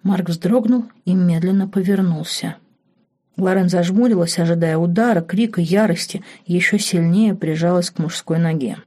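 A woman narrating an audiobook in an expressive, dramatic reading. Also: on the low side, moderate pace. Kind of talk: scripted narration.

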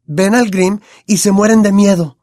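A man's voice: high-pitched, fairly even intonation, normal speed, a little mellow, no echo, clean studio sound, voice pushed up, natural voice. A man voicing a bossy, prim know-it-all teenage girl with a Latin American Spanish accent, speaking in a precise, self-assured way. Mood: superior, calm.

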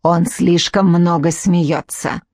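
A blind, ill-tempered old crone growls out her words slowly and with scorn, as a woman reads her in an audiobook. The voice sits low and is recorded dry and close, with no room around it. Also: steady tone, a little mellow, dry recording. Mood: scornful. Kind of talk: audiobook character reading.

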